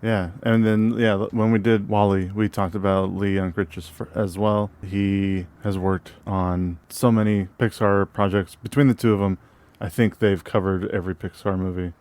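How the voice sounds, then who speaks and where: A man co-hosting a casual movie podcast. He reads film credits haltingly, with many fillers and restarts. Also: lowish voice, level tone, darkish tone. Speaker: podcast co-host.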